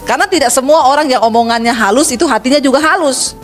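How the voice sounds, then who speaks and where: High-pitched, lively woman pastor preaching. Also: fast, soft background music. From Sulawesi. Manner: lively, humorous preaching, acts out quoted voices, addresses congregation as saudara. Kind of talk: sermon.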